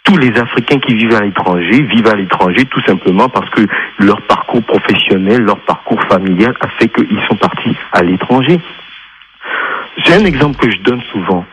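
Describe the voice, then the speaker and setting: A man's voice: on the low side, expressive, moderate pace, a bit bright, slight background noise, rough recording. A man from France calling in to a radio show, speaking with insistent passion and repeating points for emphasis. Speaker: radio caller. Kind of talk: radio call-in talk.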